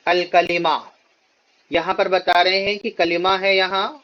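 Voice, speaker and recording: A male Arabic teacher leading a classroom lesson, saying each word slowly for students to repeat and then explaining it quickly. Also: sits high, level tone, sharp tone, lo-fi sound.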